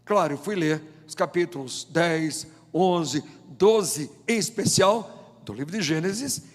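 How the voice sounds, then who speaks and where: A Brazilian-accented pastor in his seventies from João Pessoa, Paraíba, in northeast Brazil, delivers a sermon with scripture reading and prayer. His fairly high voice is measured and emphatic, with deliberate phrasing, rhetorical questions and pauses. A long reverb fills the large indoor church auditorium.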